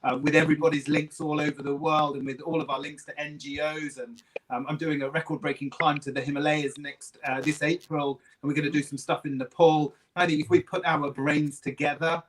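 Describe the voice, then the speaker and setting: A man's voice: on the high side, flat delivery, a little fast, fairly bright tone, poor audio. A man speaking earnestly as a panel guest in an online chat, often repeating words as he starts a thought.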